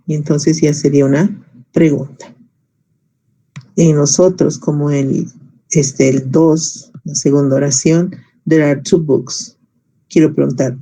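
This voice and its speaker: A man's voice: a little high, vocal fry, mellow, husky. A man teaching an English grammar class in Spanish, explaining patiently step by step and quizzing his students.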